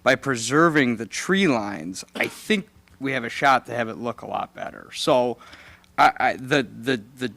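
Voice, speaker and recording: A man on a town board speaking in a measured, thoughtful way at a public meeting, with some hesitations. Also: mid-range voice, animated, vocal fry, fairly bright tone, no echo. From local area.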